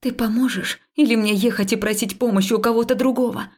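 A woman's voice: on the high side, fairly even intonation, fast talker, darkish tone, voice pushed up, lightly acted. A woman voicing a distraught young female student, speaking in a pleading, urgent and emotional way in an audiobook. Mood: pleading, desperate. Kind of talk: audiobook character voice.

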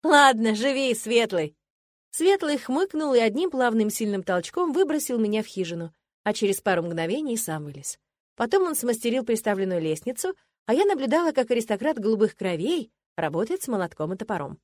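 A woman's voice: on the high side, sing-song, fairly quick, darkish tone, no echo, studio quality. A woman narrating a novel in the first person as an audiobook reader.

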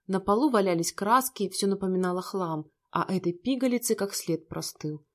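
A woman's voice: medium pitch, normal speed. Woman reading a story aloud. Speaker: narrator. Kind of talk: storybook narration.

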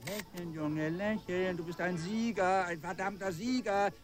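An actor playing a pushy, excitable newspaper reporter in a radio drama. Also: male voice, high voice, moderate pace, natural voice. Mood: coaxing.

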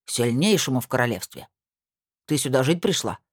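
A small crimson cat-squirrel fellow, as a woman puts him on, asking plain kindly questions in a low, deep voice. He is friendly and curious, a creature out of an audiobook tale, heard in a dry, close recording. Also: lively intonation, normal speed, slightly rough, no echo, exaggerated voice. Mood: proud.

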